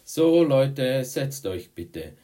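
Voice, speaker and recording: A man voicing a friendly, witty female teacher in an audiobook, with a raised, lively voice. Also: on the low side, a little slow, far from the mic, voice pushed up, lightly acted. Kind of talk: audiobook reading.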